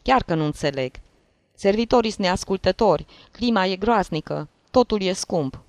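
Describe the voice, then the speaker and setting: A reader voicing a coarse, blustering middle-aged rich man in an audiobook, gruff and brusque, recorded dry and close. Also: mid-range voice, lively intonation, no room sound, voice pushed up, lightly acted. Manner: gruff and brusque, shouting at a child. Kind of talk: audiobook reading of a classic story.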